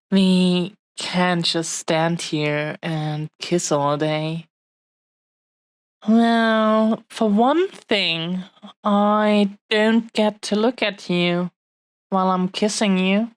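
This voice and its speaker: In an intimate romantic audio roleplay, a woman voices the listener's affectionate, possessive fiancée, who has dragon blood. Her voice sits on the low side and the recording is dry. She sounds adoring, speaking tenderly and haltingly and lingering over short phrases.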